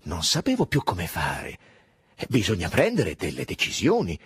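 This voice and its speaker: A man reading the part of a hurried, overbearing lieutenant colonel in an audiobook, brisk and falsely cordial. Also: low voice, huge pitch swings, breathy edge, dry recording, studio quality, heavily acted. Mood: insistent. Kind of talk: audiobook dialogue.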